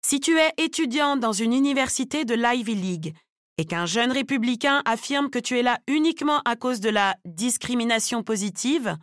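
Woman reading a novel, measured and steady. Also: on the high side, no echo, studio quality. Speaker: audiobook narrator. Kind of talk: scripted narration of a novel.

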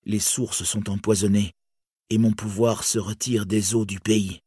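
A man voicing a steadfast young human hero, speaking in a firm, measured way. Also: lowish voice, level tone, mellow, slightly rough, no room sound, studio quality, pitched above the performer's own voice. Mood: resolute.

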